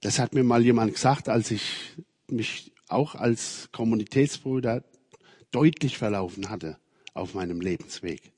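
Breathy-voiced preacher, slow and dry. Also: male voice, lowish voice, no echo. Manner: swings between loud emphatic passages and very quiet, soft phrases. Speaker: preacher, member of a religious community. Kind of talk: sermon.

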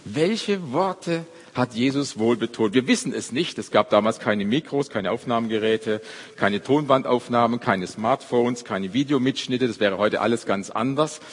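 A man preaching a sermon at a church service, stressing his words one by one and often dropping to a quiet close. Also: mid-range voice, normal speed, breathy edge. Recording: long hall reverb.

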